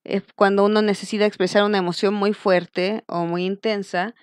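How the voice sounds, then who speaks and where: A woman's voice: medium pitch, little pitch movement, normal speed, clear, resonant tone, no room sound. Woman, young adult, school teacher, step-by-step explaining, dry close sound. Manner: explains step by step, checking in with frequent "¿ya?". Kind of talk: recorded online lesson.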